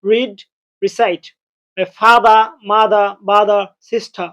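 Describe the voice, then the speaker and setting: A man teaching English pronunciation, repeating phrases slowly and spelling words letter by letter. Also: sits high, little pitch movement, fairly bright tone. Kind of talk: spoken lesson. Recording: dull lo-fi recording.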